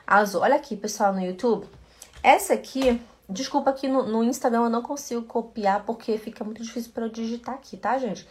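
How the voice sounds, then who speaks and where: A woman teaching a live-streamed German lesson from home, chatty, greeting viewers by name and slowly repeating words. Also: a little high. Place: at home in front of a computer. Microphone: computer camera mic.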